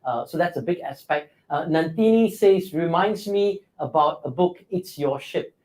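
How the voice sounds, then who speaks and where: A man's voice: on the high side, lively intonation, normal speed, a little mellow, low-quality recording. Male host of a live interview, encouraging, reading out comments, lots of uh and you know. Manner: encouraging, affirming, many fillers.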